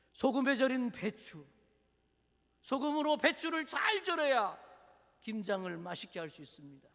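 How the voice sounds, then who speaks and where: A man preaching a sermon as pastor, dramatic, swinging from loud declarations to hushed near-whispers. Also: high-pitched. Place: church sanctuary. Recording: church hall with long reverb.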